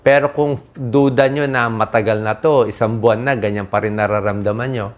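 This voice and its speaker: A man's voice: lowish voice, steady tone, brisk, dull audio. An older man, a doctor, giving casual health advice to viewers in plain, reassuring explanations with frequent asides.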